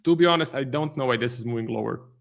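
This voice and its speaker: A man's voice: medium pitch, fast, gravelly. A man, a trading stream host giving live market commentary, thinking aloud with many fillers and restarts. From Croatia.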